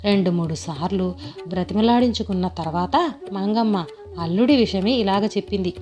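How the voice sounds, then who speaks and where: A woman's voice: medium pitch, moderate pace, mellow, soft background music. A woman narrating a family story as a storyteller.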